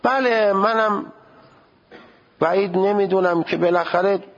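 A man's voice: sits high, muffled recording. A male seminary teacher giving a jurisprudence lecture, questioning his students and sounding out pronunciations as he goes.

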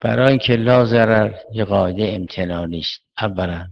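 A man's voice: fairly low pitch, creaky, dull audio. A man teaching Islamic jurisprudence in a seminary lecture, reasoning step by step and asking questions he then answers himself.

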